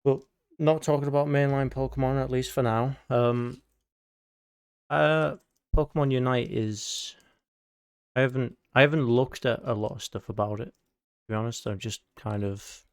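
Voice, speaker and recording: A man's voice: medium pitch, steady tone, normal speed, clear, resonant tone, dry recording, clean studio sound. A man hosting a casual gaming podcast, rambling with lots of fillers and the odd swear word. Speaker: podcast host.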